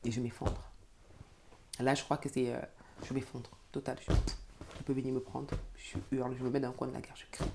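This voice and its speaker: With a rumbling, creaky low voice and a fairly quick delivery, a middle-aged woman from Cameroon shares her life story as a guest, animatedly acting out quotes from others. The background is noisy.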